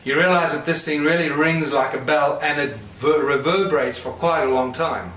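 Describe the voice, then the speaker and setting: A man's voice: on the high side, normal speed, a bit bright, reverberant, slight background noise, low-quality recording. A man giving a lecture with a hands-on demonstration, explaining in a loose, rambling way with fillers and restarts.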